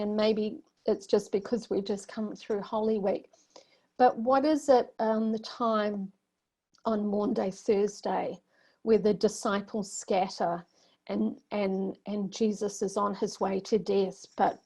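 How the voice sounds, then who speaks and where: A woman from New Zealand with a soft, mellow timbre talks through her thoughts on a video call. She is reflective and searching, circling back and restarting sentences as she works her ideas out. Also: mid-range voice, steady tone, unhurried, husky. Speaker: panelist. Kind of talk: reflective panel discussion.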